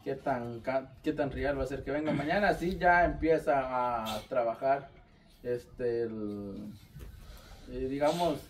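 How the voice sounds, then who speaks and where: A man in his thirties with a Guatemalan Spanish accent, chatting casually as a vlog host and filling pauses with "este". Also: medium pitch, a little hiss or hum. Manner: unhurried, with frequent "este" fillers and restarts. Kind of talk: casual chat. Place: covered outdoor patio in the countryside. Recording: distant mic with faint outdoor ambience.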